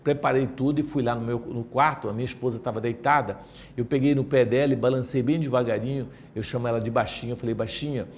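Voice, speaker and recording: Man, middle-aged, Brazilian accent, spiritist lecturer, emotional storytelling, halting restarts. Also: mid-range voice, fairly even intonation, a little hiss or hum. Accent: Brazilian Portuguese. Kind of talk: personal testimony talk.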